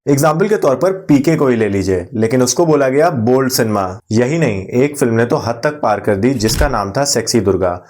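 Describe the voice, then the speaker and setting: An Indian-accented man presents scripted opinion commentary on video, speaking directly to viewers and posing rhetorical questions. His mid-range, slightly mellow voice is expressive and a little fast, with few pauses.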